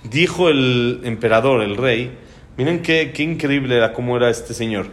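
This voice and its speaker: A man teaching a Talmud lesson, telling the story in a lively way and often pausing on fillers. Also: mid-range voice. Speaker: Torah teacher.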